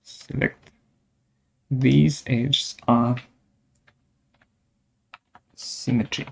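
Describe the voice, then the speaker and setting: Delivering a step-by-step software tutorial, a man speaks in short, halting instructions. His voice is gravelly and mid-range, and his delivery is flat.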